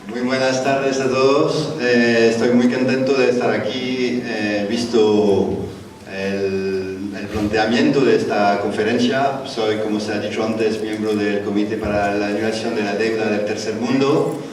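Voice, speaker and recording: A man with a French accent speaks Spanish on a panel in a large conference hall, hesitating and using many fillers and restarts. His voice is lowish, fairly even and unhurried, with a slight hiss or hum. The distant mic picks up an echoey hall.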